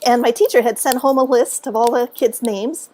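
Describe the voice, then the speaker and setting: A woman with a slightly high voice recounts a childhood memory to the camera at home. She is animated and often laughs, and she acts out the voices in her tale. A faint hiss runs underneath. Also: normal speed. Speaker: author and speaker. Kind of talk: casual storytelling to camera.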